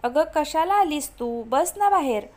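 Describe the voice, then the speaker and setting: A woman voicing a warm, fussing older mother-in-law who coaxes and insists. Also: high-pitched, lively intonation, unhurried. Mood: coaxing.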